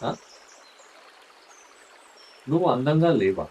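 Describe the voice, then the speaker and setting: Middle-aged man, warm mellow timbre, tender scripted monologue to a spouse. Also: medium pitch, big pitch swings, takes it slowly, husky. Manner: tender, intimate, coaxing tone addressed to a spouse. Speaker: storyteller speaking as a husband.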